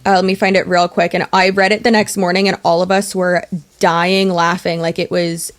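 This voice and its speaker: A woman's voice: lowish voice, level tone, moderate pace. A woman co-hosting a podcast in casual chat, telling stories and laughing often. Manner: chatty storyteller, laughs often. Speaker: podcast co-host.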